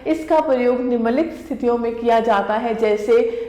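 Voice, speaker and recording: A woman teaching a Hindi grammar lesson to schoolchildren, addressing them fondly and reading example sentences slowly and deliberately. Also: fairly high pitch, dark tone, reverberant. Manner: affectionate, addresses pupils directly. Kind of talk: explaining a textbook lesson to children.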